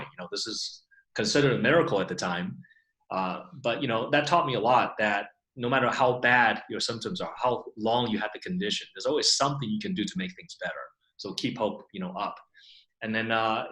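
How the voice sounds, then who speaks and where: A man's voice: fairly low pitch, bright, forceful tone. Middle-aged guy from taiwan, chiropractor chatting casually, lots of "you know", echoey room. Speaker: guest chiropractor. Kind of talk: online Q&A interview.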